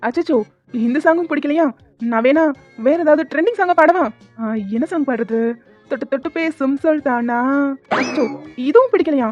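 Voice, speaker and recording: A woman's voice: high-pitched, a little fast, pauses often, a little mellow, soft background music, lightly acted. A woman voicing a playful young uncle in a cartoon who sings badly and jokes around with the family. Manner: teasing, joking. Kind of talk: cartoon voice acting. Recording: dull lo-fi recording.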